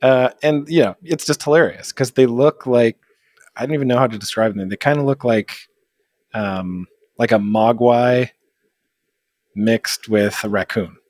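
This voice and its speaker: A man's voice: mid-range voice, measured pace, darkish tone, dry recording. A man co-hosting a casual gaming podcast, dry and teasing, often laughing. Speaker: podcast co-host. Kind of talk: casual chat.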